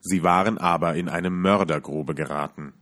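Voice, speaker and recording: Calm deep-voiced male storyteller. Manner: calm, measured reading. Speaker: podcast storyteller. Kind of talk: fairy-tale reading.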